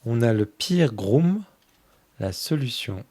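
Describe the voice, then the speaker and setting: A man hosting a tarot channel, casually flipping through a new oracle deck and fondly commenting on each card in a soft voice that often trails off. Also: medium pitch, very animated, slow pace.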